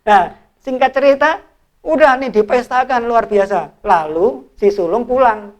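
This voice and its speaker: A middle-aged man, an evangelist, retelling a Bible parable in an informal, animated way as he draws lessons from it. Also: very high-pitched, a little slow. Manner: animated storyteller, informal, restarts and fillers. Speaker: evangelist and ministry leader. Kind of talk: sermon-style Bible storytelling in a discussion.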